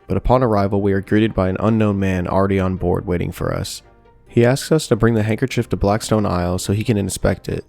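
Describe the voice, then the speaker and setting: A young man narrating a scripted video game review in a steady, dry way with light jokes. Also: low voice, vocal fry. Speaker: gaming YouTuber. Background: soft background music.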